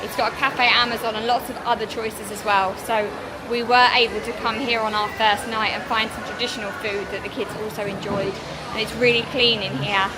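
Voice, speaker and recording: A woman's voice: fairly high pitch, level tone, brisk. A British woman giving casual, chatty travel vlog narration straight to her viewers. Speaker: family travel vlogger. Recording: noisy busy public places, crowd chatter behind. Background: crowd chatter and urban bustle.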